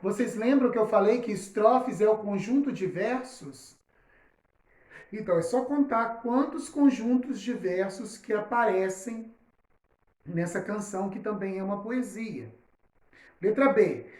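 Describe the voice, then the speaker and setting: A woman teacher gives a lesson to children, saying example words slowly and checking often that they understand. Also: mid-range voice, a little mellow. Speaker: primary school teacher. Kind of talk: recorded online lesson. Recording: roomy, echoey recording.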